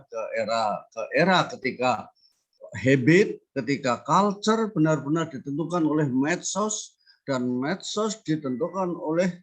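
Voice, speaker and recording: An older man gives earnest, emphatic remarks as a panelist at a discussion forum. His voice sits at a middle pitch, and he stacks repeated phrases to drive his points home. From Central Java, Indonesia. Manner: earnest, emphatic, builds points with rhetorical repetition.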